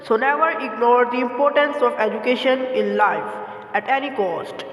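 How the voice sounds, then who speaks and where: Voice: mid-range voice, normal speed, fairly bright tone. A speaker giving an earnest, formal, recited school assembly speech on an echoey recording. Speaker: speech presenter. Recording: echoey, long hall-like reverb.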